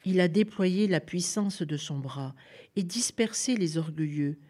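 A woman voicing a humble, devout young woman who recites softly, almost like a prayer, in a storybook reading. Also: on the low side, measured pace, slightly rough. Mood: exultant. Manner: soft, hushed, prayer-like recitation.

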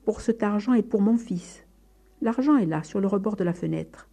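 A woman voicing a hot-tempered middle-aged father who shouts and threatens, her voice raised and husky. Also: mid-range voice, moderate pace. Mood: furious.

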